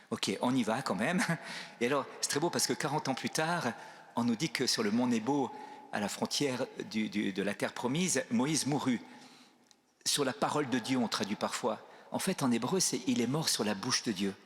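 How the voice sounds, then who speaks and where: A man delivers a spiritual talk as a priest, telling stories and posing rhetorical questions, often restarting a phrase. His voice is of middling pitch. The large basilica adds a long trailing reverb. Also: normal speed.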